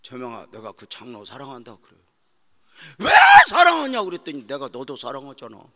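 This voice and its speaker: A middle-aged man preaching a sermon as pastor, telling stories with strong emotion, moving between loud outbursts and hushed, almost whispered prayer. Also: medium pitch, quick pace. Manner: emotional storytelling, swings from shouting to hushed prayer.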